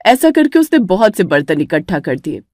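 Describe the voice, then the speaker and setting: A woman narrating a cartoon story in an even storytelling manner. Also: fairly low pitch, normal speed, no room sound, clean studio sound.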